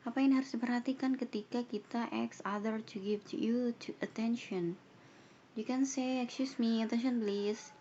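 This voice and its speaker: Woman teacher for an online English lesson, reading lines slowly and then translating, with a dull, faintly noisy recording. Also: fairly high pitch, steady tone, mellow. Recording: dull lo-fi sound with faint noise.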